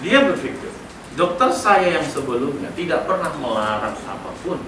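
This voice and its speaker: A middle-aged man leading a school workshop, telling a story with lively acted-out dialogue. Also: fairly high pitch, normal speed. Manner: animated storyteller, acting out dialogue with laughter. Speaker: workshop speaker. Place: school hall. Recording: echoey hall, voice from a distance, noisy.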